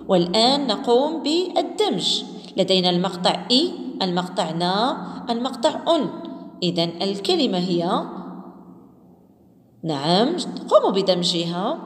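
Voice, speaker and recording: A woman teacher leading a children's phonics lesson, saying each syllable slowly and clearly and chanting a short rhyme. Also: medium pitch. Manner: slow, clearly spelled-out syllables and sing-song chanting. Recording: echoey room with long reverb.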